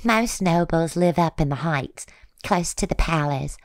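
A reader voicing an older female fae market vendor with a bright, pushy sales patter, set a little back. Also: mid-range voice, animated, measured pace, no echo, pitched above the performer's own voice. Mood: chatty.

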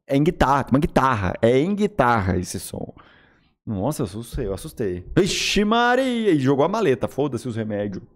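Excitable Brazilian streamer, yelping in fright. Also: male voice, medium pitch, fairly quick. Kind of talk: live reaction to a horror game. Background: game music.

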